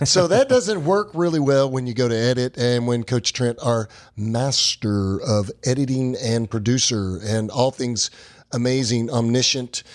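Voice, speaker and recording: A man's voice: mid-range voice, unhurried. A man in his forties co-hosting a fitness podcast as a coach, chatting casually in a rambling, upbeat way and laughing often mid-sentence.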